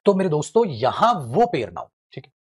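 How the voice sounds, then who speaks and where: A man teaching English grammar in a lively, joking classroom lecture, calling his students friends and brothers. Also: on the high side, a little fast, slightly rough.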